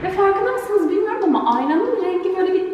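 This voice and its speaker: A woman chatting casually and excitedly as a vlog host showing an empty home, her voice echoing loudly around bare rooms like in a canyon. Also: very high-pitched, quick pace, highs cut off. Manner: excited, bubbly, giggly. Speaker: vlog host giving an empty house tour. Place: empty, echoey apartment rooms. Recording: heavy echo, distant mic, faint noise.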